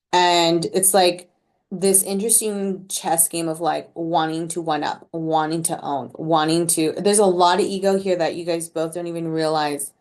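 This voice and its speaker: On the low side with a darkish tone, a woman delivers a laid-back collective tarot reading to her audience. Her talk is chatty and slangy, loaded with "like", and she laughs at what she says.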